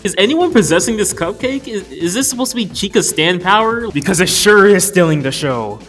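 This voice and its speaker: This young man, a video reviewer, sounds high-pitched, animated and fairly bright, moving at a fairly quick pace. Background music accompanies his scripted, joking, casually profane film commentary.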